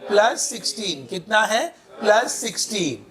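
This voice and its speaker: A man's voice: high voice, sing-song, measured pace, a bit bright. A man teaching chemistry in a classroom lecture, quizzing students with repeated questions and mixing in playful breakup jokes.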